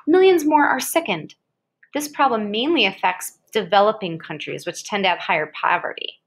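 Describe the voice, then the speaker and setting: Here an American woman reads an educational piece aloud to a child, chatting along and dropping in quick reactions and offhand comments. Her husky, animated voice is medium in pitch and moves at a normal speed.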